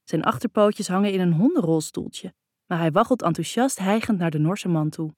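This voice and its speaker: A woman narrates a first-person novel in a calm, even reading voice. Her voice sits fairly low and the recording is dry and close, with no room sound. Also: moderate pace, dry recording. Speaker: audiobook narrator.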